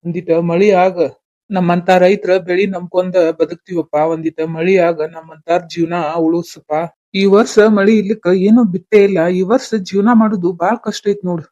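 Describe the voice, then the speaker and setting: A woman performs an aging farmer father in a village family skit. He pleads and despairs in a North Karnataka Kannada accent. His tone is mellow and warm, and the lo-fi recording is dull and dry. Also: lowish voice, steady tone, normal speed, dry recording, lightly acted. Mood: pleading. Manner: lamenting, weary pleading. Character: worried poor male farmer, aging father.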